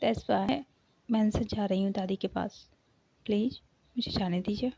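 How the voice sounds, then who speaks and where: A woman's voice: mid-range voice, a little slow, gravelly, warm tone. A woman voicing an earnest young woman who pleads and argues with her mother, in a storybook reading. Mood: insistent. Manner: pleading, insistent. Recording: dull lo-fi recording.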